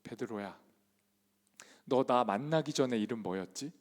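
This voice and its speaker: A preacher voicing a soft, tender teacher. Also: male voice, expressive, a little slow. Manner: soft, quiet and lowered, asking tender questions. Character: gentle, patient teacher speaking tenderly to a disciple, grown man. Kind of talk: acted quote in a sermon. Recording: long church hall reverb.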